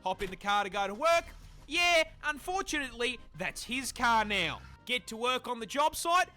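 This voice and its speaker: A bright, forceful narrator with a very animated delivery. The scripted comedy is sarcastic, punchy and full of swearing, with faint music behind it. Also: mid-range voice, moderate pace.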